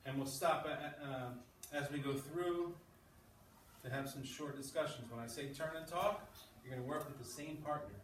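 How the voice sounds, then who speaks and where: Far from the mic, a man with a fairly high, bright-toned voice and normal speed teaches English, mixing explanation and read-aloud with frequent short check-in questions. Echo from the classroom, background noise and off-mic sound mark the recording.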